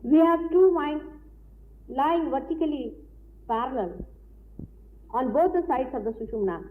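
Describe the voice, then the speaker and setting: A woman giving a deliberate, explanatory spiritual lecture, heard on an old tape recording. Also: high-pitched, animated. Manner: deliberate, explanatory, with frequent pauses. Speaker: spiritual teacher. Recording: tinny old lecture tape with faint hiss.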